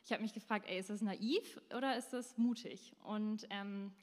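A woman's voice: medium pitch, steady tone, moderate pace. Young woman, laid-back devotional talk, chatty with filler words, echoey hall. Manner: chatty, many fillers and slang. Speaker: speaker of a short devotional talk. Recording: long reverb in a hall.

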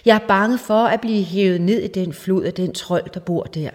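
A woman voicing a frightened young bride in a folk ballad retelling, speaking softly and tearfully. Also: medium pitch, natural voice. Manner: soft, hushed and tearful. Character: frightened young bride, fearing the river troll. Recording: long hall reverb.

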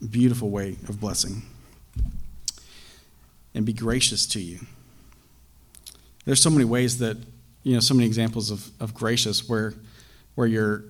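A young man preaching a sermon, talking in a halting way with frequent fillers and restarts. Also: lowish voice.

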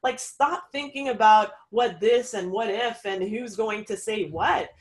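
Speaking in an unhurried, medium-pitched voice, a French-native woman appears as a guest, an interview guest who is also a podcast host. She talks conversationally, offering personal stories and advice.

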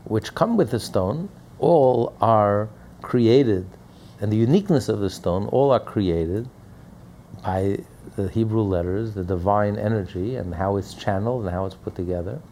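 Gravelly-voiced man teaching a Torah lesson. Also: lowish voice, expressive, a little fast, mellow, a little hiss or hum. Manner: emphatic, repeats key phrases. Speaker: rabbi teaching.

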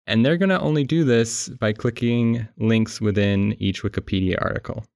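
Gravelly man recording under a blanket. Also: fairly low pitch, normal speed, a little mellow, no echo, studio quality. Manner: rambling, laughs often. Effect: muffled by a blanket over the mic. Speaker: podcast host. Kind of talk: casual chat.

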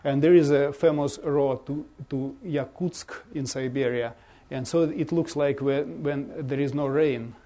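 A man from Russia with a Russian accent gives an informal slideshow talk as a visiting bishop, speaking halting non-native English and searching for words. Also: a little high, fairly even intonation, warm tone. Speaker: bishop giving a guest presentation.

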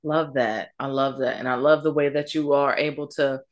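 A woman's voice: extremely low pitch, steady tone, normal speed, highs cut off. A woman hosting a podcast interview over a video call, affirming her guest enthusiastically and asking follow-up questions. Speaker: podcast host.

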